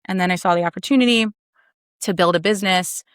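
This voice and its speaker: A woman in her thirties from Maryland, USA, appears as a podcast guest and tells her story confidently and chattily in a casual conversation. Her voice is lowish and quick, and the sound is smooth, studio quality, with no echo.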